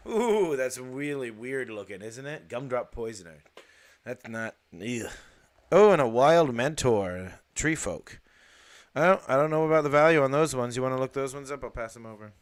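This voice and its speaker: With no room sound in the recording, a medium-pitched man hosts a live card unboxing. He chats casually and rambles, sprinkling in fillers and excited exclamations.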